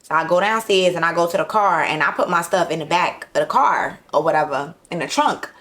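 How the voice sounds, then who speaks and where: A woman in her thirties tells a story in a casual, sassy way, piling on fillers. Her voice sits fairly low for a woman. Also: fairly quick. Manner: sassy, animated, lots of fillers. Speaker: vlogger.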